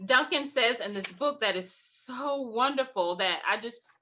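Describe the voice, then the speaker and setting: A woman's voice: fairly high pitch, a little slow, pushed and bright, lo-fi sound. A woman leading an online writing workshop, encouraging, repeating phrases and laughing often. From Alabama, US South. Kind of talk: guided online workshop teaching. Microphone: video call.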